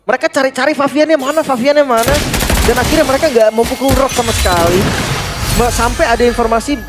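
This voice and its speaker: Very high-pitched, rapid Indonesian male esports commentator. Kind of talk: animated match analysis and commentary. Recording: loud game music behind the voice. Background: loud music.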